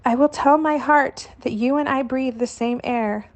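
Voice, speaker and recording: A woman reader voicing a shy young bride-to-be who is tearful, read softly without much change from her own voice. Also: sits high, measured pace, pitched above the performer's own voice.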